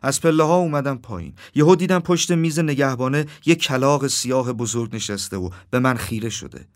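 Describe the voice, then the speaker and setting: Male storyteller, calm and deadpan first-person reading. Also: medium pitch.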